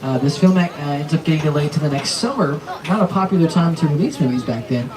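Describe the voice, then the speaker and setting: High-voiced male tour guide, sometimes shouting out. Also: fast talker, crowd noise. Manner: shouting as if calling out from the shore. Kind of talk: tour guide commentary to passengers. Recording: distant noisy tour tram loudspeaker.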